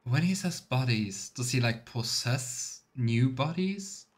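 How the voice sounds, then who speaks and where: Speaking slowly in a mid-range voice with lively intonation, a man plays a video game on stream and muses aloud in casual let's-play commentary.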